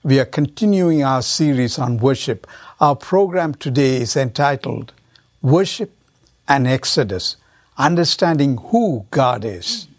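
Measured, formal male radio host. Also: medium pitch, expressive. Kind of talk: scripted narration and interview.

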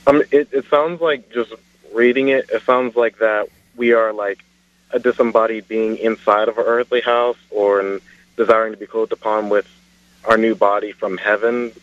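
A man's voice: lowish voice, steady tone, normal speed, dry recording. Hesitant male radio caller on a phone line. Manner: hesitant, searching for words with many fillers. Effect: caller heard over a phone line.

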